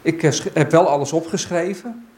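Halting man giving a church talk. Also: on the high side, darkish tone, low-quality recording. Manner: halting and unsure, searching for words. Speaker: lay speaker at a church Bible study. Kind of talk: informal church talk with Bible reading. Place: in front of a church gathering.

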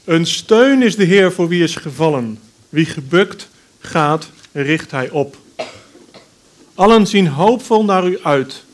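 A man reading Bible passages and praying aloud, in a measured, earnest way with pauses. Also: a little high, animated, a little hiss or hum. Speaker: preacher. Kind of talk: scripture reading and prayer.

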